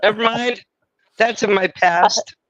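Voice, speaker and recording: A woman's voice: medium pitch, slow, lo-fi sound, over a noisy crowd. A middle-aged woman hosting a livestream, rambling and crude, mocking herself as she chats. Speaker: livestream host. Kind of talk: casual livestream chat.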